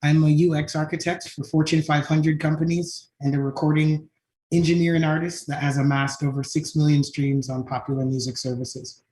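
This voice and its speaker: At a design conference, a man who founded a tech company presents it in a fairly high, level, darkish voice at normal speed. He frequently ends a point with a rising "right?", and the talk carries a roomy echo.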